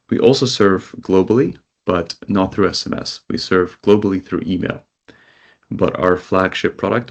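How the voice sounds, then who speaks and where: A company CEO, a man with a very low, gravelly voice, joins a video call as an interview guest. Raised in Israel, he answers in a measured way, listing items one after another.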